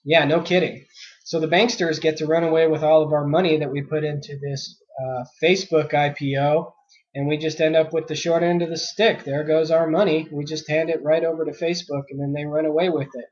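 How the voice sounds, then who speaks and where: A man's voice: fairly high pitch, flat delivery, a little fast, darkish tone, highs cut off. A man hosting a solo news podcast, reading articles aloud and breaking into indignant commentary with many fillers, sick with a cough.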